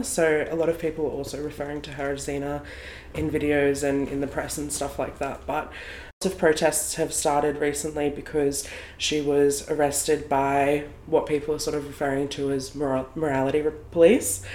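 A young Australian woman with a low voice co-hosts a podcast in a relaxed, chatty way. She laughs easily. The recording has an echoey room and faint background noise. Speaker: podcast co-host. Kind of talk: casual chat. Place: home room, not a studio.

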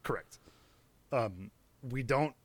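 A man's voice: mid-range voice, slow, husky, dry recording. A young man from Central California, co-hosting a podcast in laid-back, amused chat. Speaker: podcast co-host. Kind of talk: casual chat.

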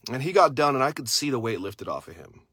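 A man delivers a fierce motivational rant, swearing at every turn and pushing his listeners hard. His voice is forceful and bright, and it sounds close and dry with no room around it. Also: mid-range voice, very animated, quick pace, breathy edge, no echo. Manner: intense, blunt, swears constantly. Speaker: motivational speaker; father.

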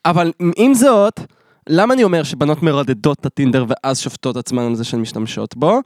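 A man's voice: on the high side, no echo, clean studio sound. A man co-hosting a podcast, chatting casually and telling stories with lots of acted-out dialogue. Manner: animated storyteller, acts out dialogue. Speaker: podcast co-host. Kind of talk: casual chat.

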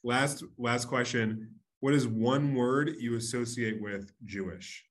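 A man hosting a podcast, asking quick-fire questions in an upbeat way. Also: mid-range voice. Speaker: podcast host. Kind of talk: podcast interview.

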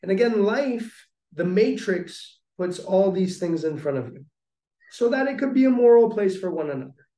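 A man's voice: high-pitched, expressive, moderate pace, dark tone, roomy sound, recorded from a distance. A man telling a personal story of recovery in conversation, earnest and reflective, with many restarts.

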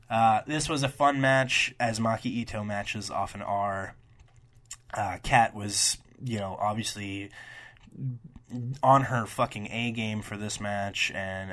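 Young male podcast host with a lowish voice, casual and profane, rambling into rants. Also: fairly bright tone. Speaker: podcast host reviewing wrestling shows. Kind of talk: casual solo review podcast.

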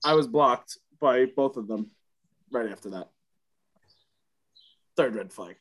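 Young male co-host, animated storyteller with a loose, profane tone. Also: mid-range voice, takes it slowly. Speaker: podcast co-host. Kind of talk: casual storytelling chat.

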